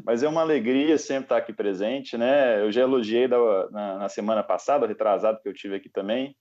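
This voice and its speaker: A man's voice: mid-range voice, fairly quick, a little mellow. Brazilian man, middle-aged, friendly co-host on a lo-fi video call. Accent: Brazilian Portuguese. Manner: friendly, complimentary, tag questions. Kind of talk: casual interview chat. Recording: dull video-call audio.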